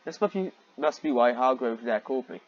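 In a muffled recording, a man of medium pitch reads fan fiction a little fast and with plenty of expression. Exasperated and easily distracted, he ridicules the text and repeatedly interrupts himself with rambling remarks.

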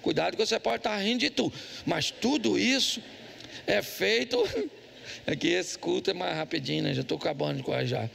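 A man's voice: high-pitched, expressive, moderate pace, creaky, fairly bright tone, a little hiss or hum. A man preaching a humorous sermon as pastor, quizzing the congregation with jokes. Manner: joking storyteller, quizzes the congregation. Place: church.

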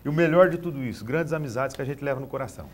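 A man's voice: mid-range voice, very fast. A middle-aged Brazilian man speaking casually as an interview guest, often repeating small words as he looks for the next phrase. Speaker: rodeo announcer being interviewed. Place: TV studio, standing.

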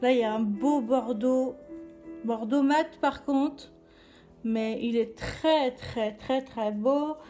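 A woman's voice: on the high side, slow pace, dark tone, faint music behind. A woman doing a casual makeup review vlog, chatty and hesitant, with many fillers and restarts. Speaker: beauty vlogger.

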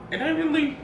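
A man's voice: very high voice, muffled recording. Guy chatting with a mouth full of cookie, echoey room, mic far off, noisy. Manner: giggly, laughs often. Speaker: vlogger tasting snacks. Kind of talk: casual chat.

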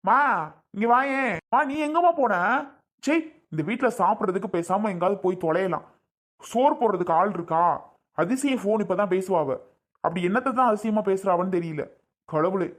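A woman's voice: mid-range voice, expressive, moderate pace, natural voice. A woman doing a grumpy ranting young husband. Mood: irritable. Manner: irritable, complaining, ranting. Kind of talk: family skit acting.

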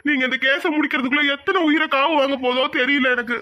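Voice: high-pitched, fairly even intonation, fast, lo-fi sound, close to an everyday voice. A performer voicing a grieving, fearful old village patriarch in a cartoon, with a mournful manner. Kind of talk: cartoon voice acting.

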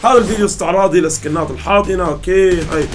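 A man, commenting loudly on a mobile game with animated mock outrage. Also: high voice, very fast, a little hiss or hum. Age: 20s. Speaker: gaming YouTuber. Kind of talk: excited gameplay commentary.

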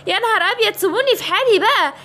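Egyptian lady doing a tiny squeaky princess, super high, kids tale. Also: lively intonation, rapid-fire, sharp tone, slight background noise, heavily acted. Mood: pleading. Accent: Egyptian Arabic. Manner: squeaky, pleading. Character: young princess girl, sweet. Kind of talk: children's bedtime story voicing.

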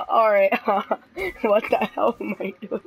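A young woman giving jumpy gameplay commentary, often dropping to hushed whispers and then bursting out with gasps. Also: mid-range voice, fairly even intonation, takes it slowly, creaky, husky, poor audio. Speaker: gaming video creator.

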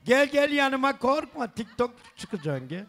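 A man working as a wedding announcer, booming out gifts and sums in drawn-out calls and bantering with guests. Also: sing-song, a bit bright. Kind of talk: loud festive announcement of gifts, counting sums aloud. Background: celebration music.

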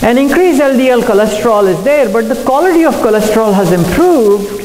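A middle-aged man, a cardiologist, giving an earnest conference talk at a podium microphone, talking quickly with fillers and self-corrections. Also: extremely high pitch, expressive, darkish tone, a little hiss or hum. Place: large hotel conference room. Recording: echoey hall, recorded from afar.

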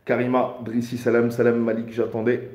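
A man's voice: mid-range voice, completely flat delivery, moderate pace, darkish tone. A man in his thirties chatting casually on a livestream in an echoing bare room, informally repeating greetings to viewers and mixing in Arabic phrases. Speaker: livestream host. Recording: hallway-like echo, resonant bare room.

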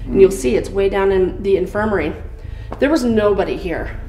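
A woman's voice: medium pitch, moderate pace. Lady tour guide telling stories casually, echoey room, bit of music behind her. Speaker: tour guide at a haunted site. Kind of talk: casual anecdotal storytelling. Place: dark indoor rooms of an old building. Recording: roomy echo, music behind.

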